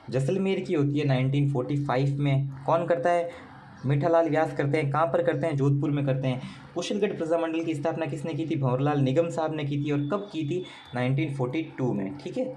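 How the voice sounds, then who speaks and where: Fast-talking male exam coach. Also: on the high side, dark tone, a little hiss or hum. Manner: quick, rhetorical questions answered himself. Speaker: teacher. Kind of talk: exam paper solution lesson. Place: coaching class recording.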